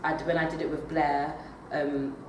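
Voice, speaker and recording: Answering interview questions with hesitation, many fillers and restarts, this young adult woman drama student speaks in a deep voice with a flat delivery at a moderate pace. The recording is noisy and distant, made in an echoey room.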